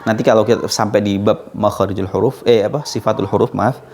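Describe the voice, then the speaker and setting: A man with an Indonesian accent teaching Arabic letter sounds, slowly drilling each sound and often clearing his throat from a cold. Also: fairly low pitch, fairly even intonation, a little mellow, slight background noise. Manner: slow, patient, repeats sounds as drills. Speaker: Quran recitation teacher.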